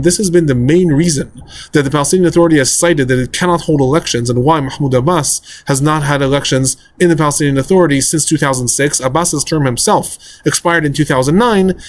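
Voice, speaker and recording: Fast-talking man delivering a news analysis. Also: on the high side. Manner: measured, reads quotes aloud, explains implications. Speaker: political science fellow presenting a daily news report. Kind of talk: scripted daily news analysis.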